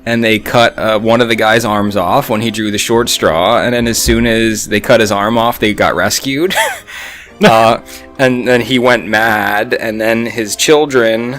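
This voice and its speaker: A man in his thirties co-hosting a podcast, telling stories slowly and wryly, with chuckles along the way. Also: fairly low pitch, steady tone, a bit bright, faint music behind. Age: 30s. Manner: wry, slow storytelling with chuckles. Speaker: podcast co-host. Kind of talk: casual chat.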